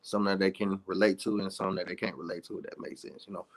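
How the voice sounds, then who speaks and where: Low-voiced laid-back man. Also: little pitch movement, very fast. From south side of Atlanta, Georgia. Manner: laid-back, rambling, frequent "you know". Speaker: guest, independent music artist. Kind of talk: casual podcast conversation.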